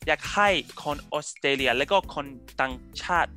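Bright-voiced young Australian man, halting phrases. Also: mid-range voice, faint music behind. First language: English. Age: young adult. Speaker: interview guest, YouTuber. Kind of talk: casual chat. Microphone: headset on a video call.

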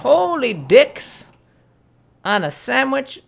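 A woman doing let's play commentary on a horror game, swearing and shouting at enemies and coaxing her dog companion. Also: high-pitched, sing-song, slow, gravelly, a little hiss or hum. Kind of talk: gameplay commentary.

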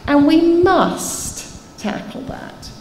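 A woman's voice: very high-pitched, very animated, drawn-out words, dark tone, slight background noise. A woman in her fifties answering audience questions at a conference panel table, earnest and explanatory. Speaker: keynote speaker answering questions. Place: large conference hall, seated at panel table. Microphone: table microphone. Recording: reverberant hall, faint ambience.

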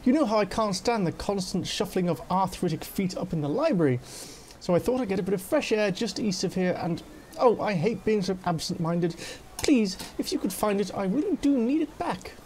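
A man voicing an absent-minded, fussy female scholar in a game, raising his pitch. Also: expressive, brisk, hardly any pauses, a little mellow, a little hiss or hum. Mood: flustered.

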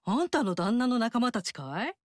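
Descended from a fire goddess, this brash, motherly warrior woman bosses and teases with big-sister swagger in a warm mood. Her fairly high voice swings widely in pitch, has a darkish tone, and moves at a moderate pace. The game studio recording is dry and close, with no room sound.

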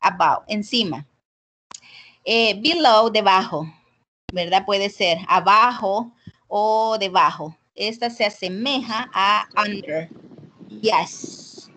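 A woman with a Salvadoran Spanish accent teaches an English class over a video call, moving between Spanish and English as she questions her students. Her mid-range voice has a sharp tone and a slow pace. The audio comes through a computer mic on the call.

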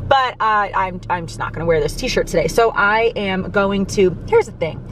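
A woman's voice: mid-range voice, normal speed. Young woman chatting into a dash camera in her car, kinda rambly, faint hum behind. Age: young adult. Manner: chatty, rambling, explains step by step. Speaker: vlogger. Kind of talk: casual vlog talk to camera. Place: inside a parked car. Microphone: camera on the dashboard.

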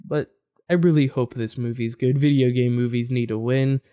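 A man's voice: mid-range voice, steady tone, normal speed, dark tone. Chatty man rambling through a reaction video. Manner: rambling, chatty, with fillers and self-corrections. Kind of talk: casual reaction commentary.

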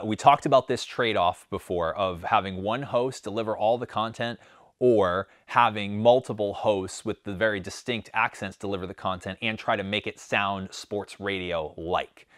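A man's voice: on the low side, fairly bright tone, no echo, studio quality. A man from the Northeastern United States with a slight Northeast accent, giving a conversational academic presentation with frequent fillers. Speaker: communication professor presenting research.

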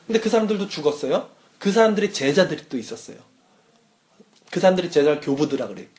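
A man's voice: on the high side, lively intonation, quick pace, a little mellow. A young man, a youth pastor, giving a casual sermon to students and often checking whether they follow. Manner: casual teaching, asks listeners questions.

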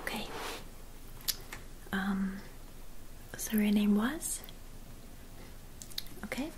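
A woman in her twenties doing a whispered role-play as a spa attendant, speaking softly and gently in an attentive, whispery voice. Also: medium pitch, drawn-out words, a little hiss or hum. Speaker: ASMR performer playing a spa clinic receptionist and therapist. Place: small dim room at home.

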